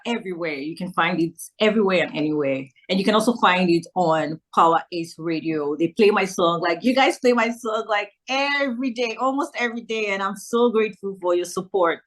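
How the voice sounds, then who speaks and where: A woman's voice: mid-range voice, normal speed, few pauses. A woman from Nigeria, a musician guest on a radio show, chatting cheerfully over a video call and laughing often. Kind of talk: casual interview chat.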